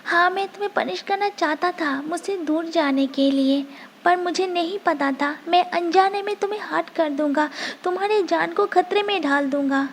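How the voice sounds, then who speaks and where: A possessive young man who talks to his lover in a soft, hushed way, read by a woman. The voice sits high and light for a man, since the reader keeps close to her own voice. It has the plain, even delivery of a storybook reading. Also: moderate pace, slight background noise.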